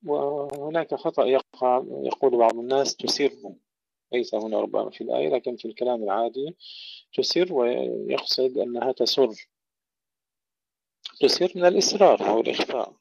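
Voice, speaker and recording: A man teaching Quran recitation rules, slowly reciting verse examples and then explaining and correcting common mistakes. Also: medium pitch, gravelly, darkish tone, dry recording, lo-fi sound. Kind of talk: tajweed lesson with recited examples.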